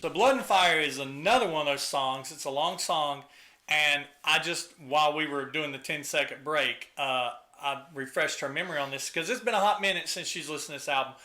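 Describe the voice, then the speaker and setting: A man's voice: fairly high pitch, brisk, sharp tone. A middle-aged man hosting a casual album review chat, talking enthusiastically and humming riffs and sounds to illustrate the music.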